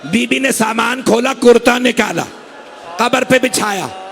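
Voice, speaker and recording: A cleric from Pakistan preaching a mourning sermon in a gathering hall, in a sorrowful, impassioned way. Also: male voice, extremely high pitch, a little slow, creaky, fairly bright tone. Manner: sorrowful, impassioned delivery that rises into cries. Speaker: Shia cleric preaching a majlis.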